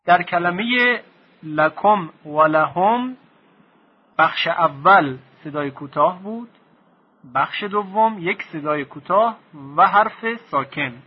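A man teaching Quranic reading, drawing out each syllable slowly for the listener to repeat. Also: sits high, animated, breathy edge, phone-quality sound. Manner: slow, drawn-out syllables for repetition. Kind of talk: Quran recitation lesson.

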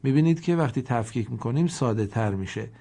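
A man gives a recorded lesson in Quran reading, in a mellow, warm voice at a middling pitch. He explains quickly, then chants each example word slowly and stretches it out, and asks listeners to repeat after him. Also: animated, gravelly.

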